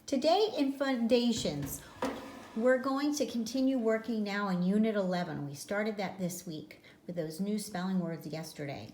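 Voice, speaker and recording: A woman teaching a phonics lesson to young children, speaking slowly, clearly and patiently. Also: mid-range voice, animated, background noise. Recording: echoey room.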